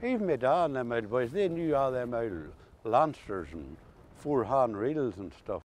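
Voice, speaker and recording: With lively intonation and a somewhat slow pace, this medium-pitched older man reminisces in Ulster Scots dialect. Being interviewed in a relaxed conversation, he tells folksy stories about the country life he remembers.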